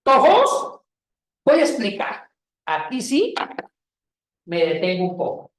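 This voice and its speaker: A woman teaching a Bible class, lively, calling on students by name and joking as she explains. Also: mid-range voice, slow pace, far from the mic. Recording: echoey classroom.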